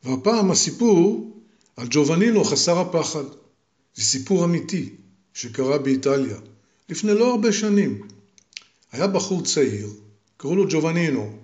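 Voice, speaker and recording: An older man, a grandfather, telling a story to his grandchildren slowly and with repetition. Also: fairly high pitch, a little mellow, echoey room. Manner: slow, deliberate, with repetition.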